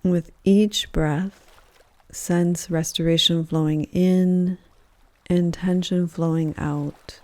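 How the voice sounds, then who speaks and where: A yoga nidra teacher leads a guided meditation, reading soothing scripted narration in a dark, relaxed, lowish voice. She speaks very slowly and gently, with soft pauses between phrases, and the sound is close and dry with no echo.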